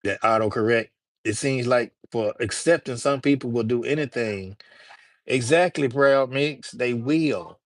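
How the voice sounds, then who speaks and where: This livestream host chats casually with his viewers, loose and slangy, addressing the chat directly. He has a mid-range voice and speaks a little slowly, and the recording is dry.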